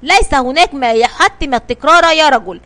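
A woman voicing a calm, resolute male sea captain in a children's storybook reading, speaking firmly and measuredly. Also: high-pitched. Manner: firm and measured.

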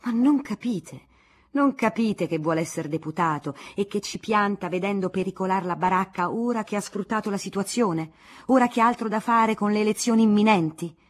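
A band of furious town councillors , voiced by one woman, yell accusations of betrayal. The voice is husky and loud. It swoops widely in pitch, in a classic novel read on radio. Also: sing-song, slow pace, hardly any pauses, heavily acted. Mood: outraged. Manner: shouting.

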